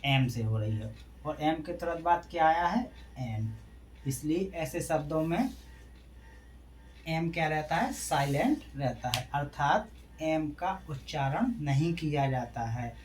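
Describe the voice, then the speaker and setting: Here a male English teacher gives a Hindi-language classroom lesson at a measured pace, animated yet slightly mellow, his pitch fairly high. He quizzes himself aloud and spells out letters individually over slight background noise.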